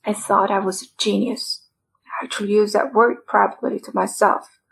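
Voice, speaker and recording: A woman voicing a frail, dying male writer who speaks in a soft, half-whispered, weary and rambling way. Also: mid-range voice, steady tone, normal speed, creaky, slight background noise. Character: frail dying middle-aged male writer, self-deprecating.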